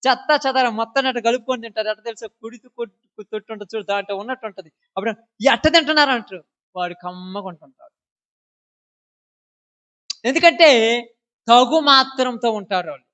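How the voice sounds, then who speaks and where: A woman's voice: on the high side, brisk, pauses often, fairly bright tone, muffled recording. A woman preaching an informal sermon who scolds her listeners and keeps asking them rhetorical questions.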